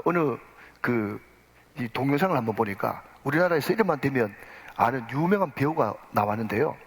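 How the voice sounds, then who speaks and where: A male pastor preaching with emphasis, his voice lively and swooping up and down. It is husky, and a long church reverb lingers after every phrase. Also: a little high. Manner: emphatic, leads congregation in responses. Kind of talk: sermon. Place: church sanctuary.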